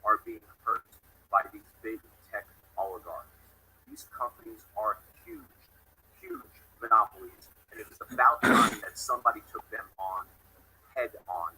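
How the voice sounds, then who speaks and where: A male politician giving a forceful, combative speech at a press event. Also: on the low side, wildly swooping pitch, normal speed, a little hiss or hum, rough recording. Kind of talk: public speech.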